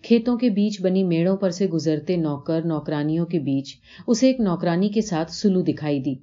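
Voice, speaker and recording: A woman narrating a scripted children's story in a calm, gentle storytelling manner, on a dull lo-fi recording. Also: on the low side.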